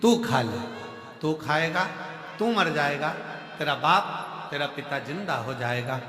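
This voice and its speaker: Sly calm guru, soft measured delivery, voiced by a male storyteller, roomy echo. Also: fairly high pitch. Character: calm older male guru offering a deadly remedy. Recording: echoey hall with faint music.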